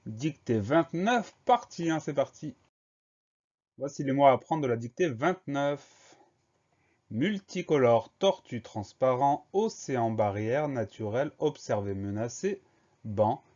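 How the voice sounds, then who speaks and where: A man's voice: medium pitch, expressive, slow, darkish tone. A man teaching a dictation lesson, patiently spelling out each word letter by letter. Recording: muffled, lo-fi recording.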